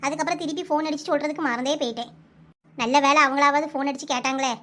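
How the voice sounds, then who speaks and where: Woman cartoon voice artist with a Kanyakumari Tamil accent; very high, bright, fast and bossy. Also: steady tone. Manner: brisk, bossy village chatter. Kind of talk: cartoon voice acting.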